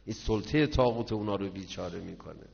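A man preaching a sermon that moves into mourning recitation, swinging from loud declaiming to hushed murmurs. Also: sits low, gravelly. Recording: dull sound with long hall reverb.

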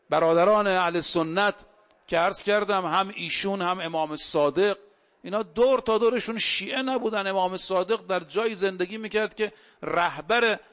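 A man's voice: sits high, a bit bright. A man cleric giving a sermon, preaching emphatically with rhetorical questions and stories. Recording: dull lo-fi recording.

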